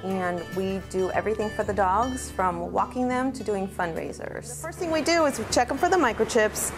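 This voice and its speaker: A woman's voice: mid-range voice, lively intonation, moderate pace. A woman in her forties, a rescue volunteer administrator, chatting enthusiastically while giving a tour of a small kennel. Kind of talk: on-camera interview and tour. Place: small indoor kennel room. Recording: echoey room with music under it.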